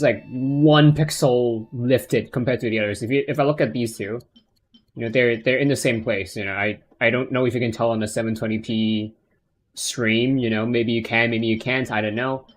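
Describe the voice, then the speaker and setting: A man's voice: medium pitch, moderate pace. A man doing casual live game commentary as a streamer, rambling and hesitant in an offhand way. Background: plucked guitar game music.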